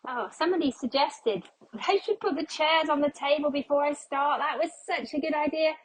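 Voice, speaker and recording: A middle-aged cleaning vlogger with a high voice chats casually at normal speed while mopping her kitchen, slightly breathless and congested as her voice fades. She's chatty and self-deprecating, thinking out loud, and the recording is low quality.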